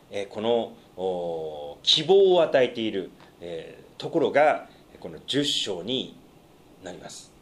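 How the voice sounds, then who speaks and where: A pastor teaching a Bible study, explaining step by step with hesitant fillers and questions put to his listeners. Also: mid-range voice.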